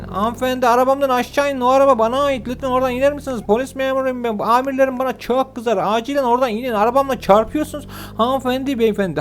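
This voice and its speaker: A young man narrating a game to his viewers, playing a police officer and talking fast, repeating himself as he pleads and exclaims. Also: extremely high pitch, slight background noise. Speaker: gameplay video host.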